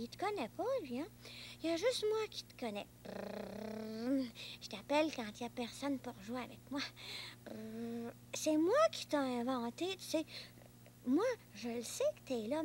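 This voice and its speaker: A woman's voice: sits high, a little mellow, a little hiss or hum. A woman playing a little boy who plays make-believe with an imaginary friend, making car noises and ordering things around, with a Quebec French accent.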